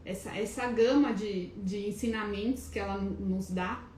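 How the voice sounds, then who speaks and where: The clinic live stream continues with the woman's medium-pitched, slightly mellow voice moving a little slowly. Chatty yet nervous, she names viewers as she greets them, restarts hesitantly often, and describes herself as shy. The indoor office sounds echoey, with faint noise behind her.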